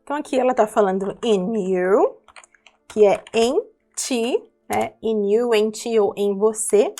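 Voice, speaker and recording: A woman's voice: mid-range voice, mellow. A woman, teaching English pronunciation from song lyrics, patient and repetitive, checking in with her listeners. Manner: patient, repeats words slowly and checks in with listeners.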